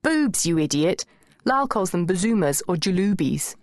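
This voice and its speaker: A woman's voice: lowish voice, very animated, moderate pace, no room sound, studio quality. A woman narrator voicing an earnest teenage girl who coaxes her friends along. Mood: coaxing. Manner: coaxing, earnest.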